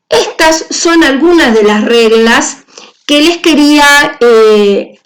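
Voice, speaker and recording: A woman teacher explaining grammar rules from slides. Her voice sits high and she speaks slowly, pausing on each example word and stretching it out so students can follow. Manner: slow, careful, spells out example words. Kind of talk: slide-based grammar lesson.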